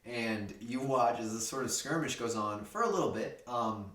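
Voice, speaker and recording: A man's voice: medium pitch, moderate pace, fairly bright tone, reverberant. A man narrating a tabletop game as game master, rambling and full of fillers.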